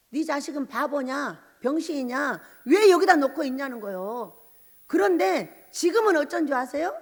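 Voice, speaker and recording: A middle-aged woman pastor giving an emphatic sermon full of rhetorical questions, in a mountain church. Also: high-pitched. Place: church sanctuary at a mountain prayer retreat. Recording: long hall reverb.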